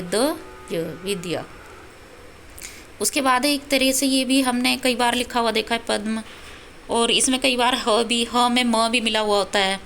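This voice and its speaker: A woman giving a self-study language lesson, breaking words into their sounds with patient, deliberate explanation. Her voice sits a little high, and a faint hiss lies under the recording. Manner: patient explaining, spelling out syllables. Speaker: Sanskrit teacher.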